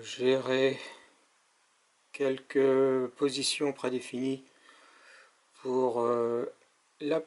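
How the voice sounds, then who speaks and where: Man calmly explaining a gadget. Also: mid-range voice. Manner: explanatory, with frequent hesitations. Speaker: tech product reviewer. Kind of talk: casual product demonstration.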